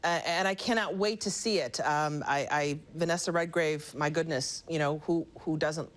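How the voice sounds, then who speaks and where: A woman's voice: deep voice, normal speed. A woman interviewing a guest in a conversational, admiring and effusive way, often feeling for her phrasing.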